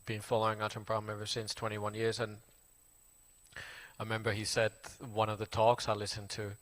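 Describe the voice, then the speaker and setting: A man in his forties from Finland with a Finnish accent, a Buddhist monk casually introducing himself in halting English full of fillers and restarts. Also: lowish voice, completely flat delivery, a bit bright. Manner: halting, many fillers and restarts, plain friendly telling. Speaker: Buddhist monk giving a talk. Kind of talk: casual spoken self-introduction.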